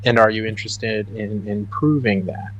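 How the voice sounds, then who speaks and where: A man's voice: on the low side, fairly even intonation, normal speed, fairly bright tone. A man chatting casually as a player in a tabletop game. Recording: dull, lo-fi online voice chat.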